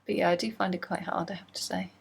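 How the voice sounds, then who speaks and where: A woman's voice: lowish voice, steady tone, quick pace, vocal fry, slightly rough. A woman hosting a casual video podcast, chatty and bubbly, gushing over things she shows to the camera at home. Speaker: podcast host.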